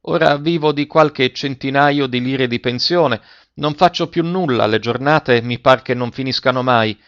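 A man's voice: medium pitch, a bit bright, no room sound. A man doing a trembling old schoolmaster. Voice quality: slightly trembling but full voice. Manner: courteous, wistful, slow remembering. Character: frail old retired male schoolmaster, gentle and humble. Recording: dull lo-fi recording.

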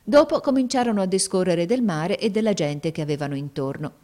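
A woman narrating a story aloud in a steady, measured reading. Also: fairly low pitch.

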